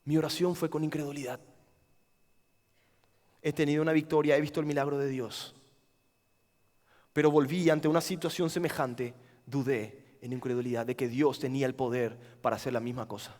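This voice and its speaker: A man's voice: mid-range voice, fairly even intonation, normal speed, pauses often. Argentine man preaching in a reverberant hall. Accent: Argentine Spanish. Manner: swings from loud dramatic outbursts to hushed quiet pleading. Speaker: camp preacher. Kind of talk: sermon.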